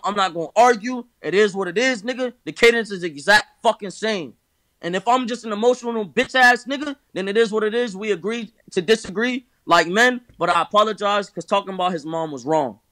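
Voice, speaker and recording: A man's voice: sits high, sharp tone, no echo. A nineteen-year-old man in candid conversation, talking emphatically and profanely, repeating himself and ending lines with "bro". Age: teens. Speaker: rapper guest.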